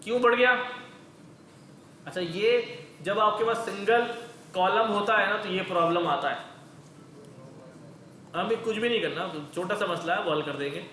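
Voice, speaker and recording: Man teaching, high pitch, roomy echo, faint hum behind, rhetorical questions, casual lecture. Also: moderate pace, pauses often, bright, forceful tone. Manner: asks rhetorical questions and answers them himself; conversational, calls listeners brother. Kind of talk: coding lecture.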